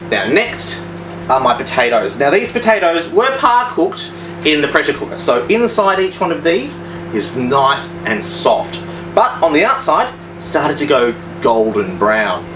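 A man's voice: a little high, very animated, measured pace, reverberant, background noise. A man talking through a cooking demonstration, with chatty, upbeat, step-by-step instructions. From Australia. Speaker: cooking vlogger.

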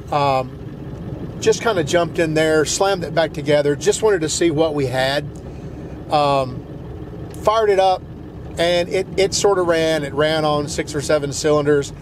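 Rambling Southern man driving a truck. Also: a little high. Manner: rambling, hesitant with many fillers and restarts. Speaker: truck vlogger. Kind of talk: casual storytelling while driving. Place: inside a pickup truck cab, driving in snow. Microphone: dash-mounted camera. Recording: road noise behind.

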